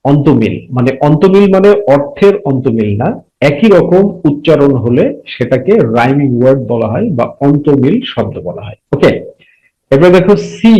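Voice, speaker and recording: A man teaching a primary school English lesson, reading each phrase slowly and translating it line by line. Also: medium pitch, a little mellow, low-quality recording. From Bangladesh. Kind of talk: bilingual classroom lesson.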